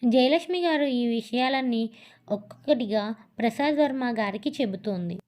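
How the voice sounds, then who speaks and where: A woman narrating a serialized audio story in a steady storytelling manner. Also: a little high, normal speed. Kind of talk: scripted narration.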